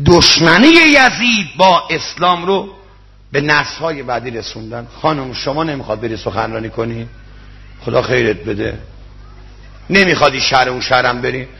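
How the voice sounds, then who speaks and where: A man's voice: mid-range voice, creaky, a bit bright. A man preaching a sermon, telling stories with emotional quoted dialogue. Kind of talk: religious sermon with storytelling. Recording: dull lo-fi recording.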